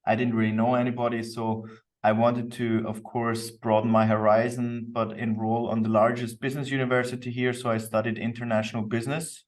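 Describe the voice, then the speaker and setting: Brisk and medium-pitched, with little movement in his tone, an Austrian man guests on a podcast. The co-founder explains his thinking in a relaxed, reflective interview style, captured on a distant microphone.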